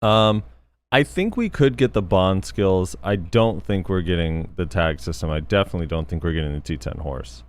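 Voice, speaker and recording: A man hosting a casual gaming podcast, relaxed and laid-back, still in his morning voice. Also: low-pitched, moderate pace. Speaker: podcast host.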